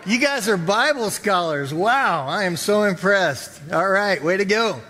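Speaking from the stage of an indoor church auditorium, a forties-aged American pastor gives a relaxed, interactive sermon, upbeat and casual as he talks with the congregation. His voice sits high, expressive and sharp, at a measured pace.

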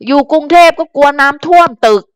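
A woman's voice: high-pitched, brisk, no echo. Chatty young woman, fan channel host. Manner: chatty, animated, rambling with fillers. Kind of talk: casual commentary to viewers.

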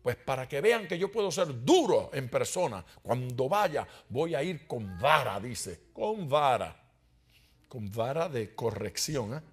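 Animated man preaching a Bible study. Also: mid-range voice, a little slow. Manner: animated, rhetorical questions, humorous asides to the congregation. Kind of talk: sermon-style Bible study. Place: church.

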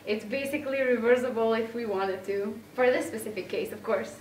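A woman's voice: on the high side, normal speed, distant mic. A woman dentist patiently explaining a dental procedure while talking through a face mask, with casual fillers. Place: dental clinic, indoors. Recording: echoey room, voice from off-mic, faint background hiss.

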